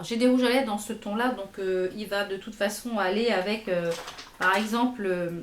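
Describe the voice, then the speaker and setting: A woman's voice: a little high, roomy sound, slight background noise. Chatty woman with a hesitant, filler-heavy delivery. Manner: hesitant, many fillers and repeats; chatty, enthusiastic about products. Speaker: beauty vlogger. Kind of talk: casual makeup haul review.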